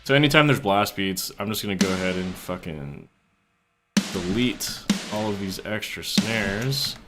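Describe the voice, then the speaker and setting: A man's voice: lowish voice, expressive, measured pace, loud music behind the voice. A young man chatting casually on a live stream while he works on a recording, reading chat aloud and swearing freely.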